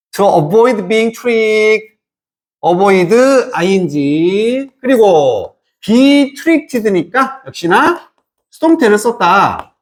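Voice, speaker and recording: A man teaching an English reading lesson, asking and answering his own questions and drawing out English words slowly. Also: sits high. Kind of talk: lecture.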